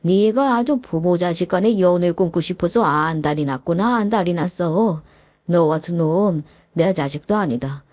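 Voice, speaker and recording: A woman's voice: fairly low pitch, moderate pace, a little mellow, no room sound, voice pushed down, lightly acted. A woman voicing a furious older father-in-law who scolds harshly and barks commands in a told story. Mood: furious scolding. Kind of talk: storytelling with voiced characters.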